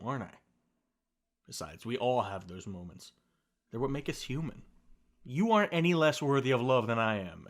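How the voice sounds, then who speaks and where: Recorded on a close studio mic, a young man performs a scripted ASMR roleplay as the listener's best friend, speaking softly and gently, reassuring them and teasing with light laughs. His voice is medium in pitch.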